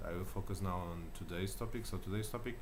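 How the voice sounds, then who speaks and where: A deep-voiced man in his thirties speaks English with a Portuguese accent, hesitant and full of fillers and restarts. He talks casually to his camera at home, with a clear hiss of background noise. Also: fast talker. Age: 30s. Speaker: channel host. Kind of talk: casual self-recorded talk. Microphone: camera mic.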